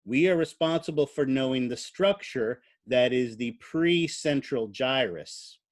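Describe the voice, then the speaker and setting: A man's voice: mid-range voice, animated, unhurried. Conversational male biology lecturer. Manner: conversational, questions the class, frequent fillers. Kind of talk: classroom lecture.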